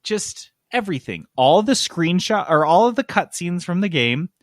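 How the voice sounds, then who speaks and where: A gaming podcast host explains game industry news in a casual, comic way, emphatic, sarcastic and full of swearing. His voice is high-pitched with big swings in pitch, at a moderate pace, recorded cleanly in a studio with no echo.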